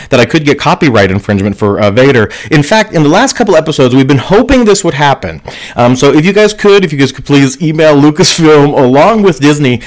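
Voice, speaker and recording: A man hosting a casual livestream show, chatting playfully and giggling often, talking through a headset microphone. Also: a little high. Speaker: host. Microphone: slim headphones with microphone.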